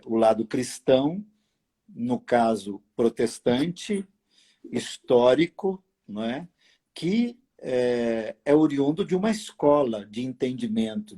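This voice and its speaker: A man hosting a late-night live video chat from his apartment, speaking slowly and deliberately with long pauses and fillers. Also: mid-range voice, warm tone. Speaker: host. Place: apartment at home.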